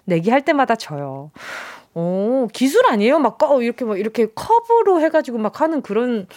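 A young woman hosting a playful radio quiz show, animated and theatrical as she reads listener messages aloud. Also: on the high side, moderate pace, no echo, studio quality. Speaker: radio host. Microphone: studio microphone.

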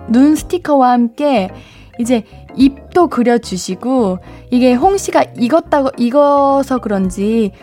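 Speaking into a studio mic, a female late-night radio DJ chats and reacts to listener letters, bubbly and full of gasps and exclamations. Her voice sits on the high side with a dark tone.

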